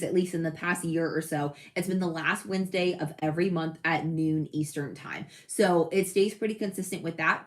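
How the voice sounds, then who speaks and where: A woman hosting a casual crafting livestream, chatting and reading viewer comments, often correcting herself with a laugh. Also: fairly low pitch. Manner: chatty, self-correcting, laughs at own slips. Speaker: crafting channel host.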